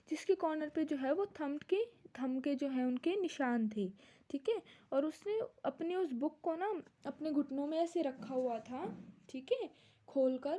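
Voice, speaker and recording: High-voiced young woman teaching a story. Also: mellow. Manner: repeats word meanings, reads English lines slowly then explains. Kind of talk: explaining a story lesson.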